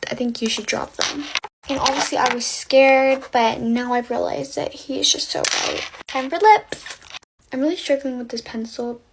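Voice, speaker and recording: A young woman telling a get-ready-with-me storytime while doing her makeup, gushing and filling every pause with "like". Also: high-pitched, gravelly, noisy background. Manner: gushing, filler-heavy valley-girl chatter.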